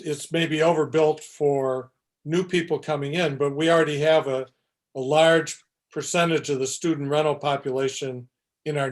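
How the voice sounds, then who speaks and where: A man on a planning commission, laying out his question at a public meeting, hesitant and full of restarts. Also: mid-range voice. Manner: hesitant, thinking aloud with many uhs and restarts.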